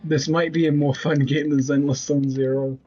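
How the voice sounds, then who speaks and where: A man's voice: on the high side, little pitch movement, normal speed, warm tone, breathy edge, muffled recording, soft background music. Man rambling over a video game. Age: 20s. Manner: rambling, blunt, swears casually. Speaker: streamer. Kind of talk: casual gameplay commentary.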